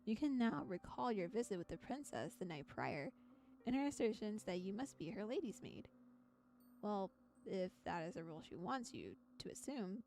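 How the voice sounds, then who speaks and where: Over background music, a woman streams herself reading a visual novel, narrating and then drifting into playful, giggly, chatty commentary. Her mid-range voice is very animated, gravelly, and a little mellow at a moderate pace, though the audio is poor, with a bit of hiss or hum.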